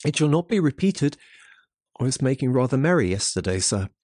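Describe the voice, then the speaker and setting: A woman's voice: a bass voice, big pitch swings, brisk, dark tone, dry recording, studio quality, pitched below the performer's own voice, exaggerated voice. A woman voicing a timid, apologetic male clerk who pleads. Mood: pleading.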